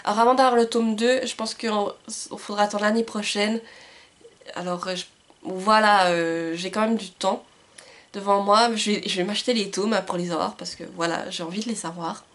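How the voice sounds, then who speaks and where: A woman's voice: medium pitch, steady tone, moderate pace, a bit bright. A woman chatting casually on her book vlog, enthusiastic and full of little hesitations. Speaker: book vlogger. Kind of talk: casual book haul chat.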